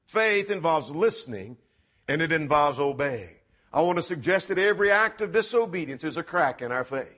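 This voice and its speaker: A man's voice: on the high side, fairly bright tone. A man preaching a sermon in an earnest, emphatic way, asking rhetorical questions as he goes.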